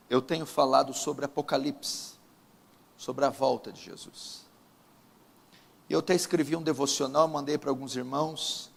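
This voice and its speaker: Brazilian male pastor, gravelly edge, solemn emphatic sermon delivery, long church reverb. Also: medium pitch. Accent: Brazilian Portuguese. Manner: solemn, emphatic, with drawn-out pauses. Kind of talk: sermon with opening prayer. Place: church service.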